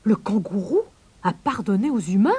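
A woman's voice: medium pitch, lively intonation, moderate pace, warm tone, slightly rough. A woman voicing a fussy male pelican presiding over a trial, declaiming in a raised voice. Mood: pompous.

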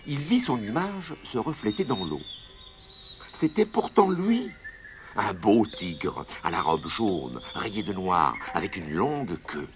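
A man narrating a children's tale in an expressive, animated storybook manner. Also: on the low side. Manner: very lively, slow, animated reading. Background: soft music.

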